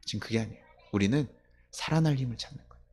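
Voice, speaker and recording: A man's voice: mid-range voice, very fast, darkish tone. A man preaching a sermon as pastor in a church, talking conversationally with many rhetorical questions and chuckling at his own stories.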